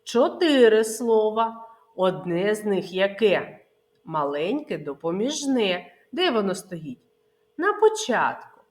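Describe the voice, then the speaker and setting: A woman preschool teacher from Ukraine giving a literacy lesson to small children, saying words slowly and clearly, asking questions and answering them herself. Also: mid-range voice, sing-song.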